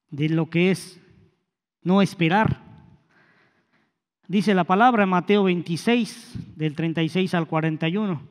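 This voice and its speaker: A man preaching a sermon in a conversational way, with hesitant restarts and rhetorical questions. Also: high voice. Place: church hall. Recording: long hall reverb.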